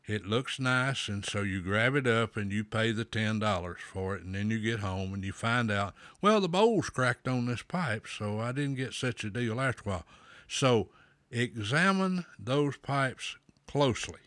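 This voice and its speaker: A man hosting a pipe smoking show, giving slow, folksy advice with a pipe in his mouth. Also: lowish voice, fairly bright tone, dry recording. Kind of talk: casual talk to camera.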